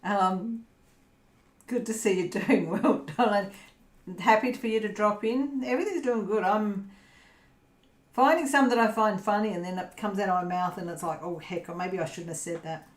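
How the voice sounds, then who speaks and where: A woman's voice: medium pitch, normal speed. An Australian woman hosting a casual livestream chat with her viewers, rambling and giggling with lots of fillers. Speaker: crafting channel host. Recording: roomy echo.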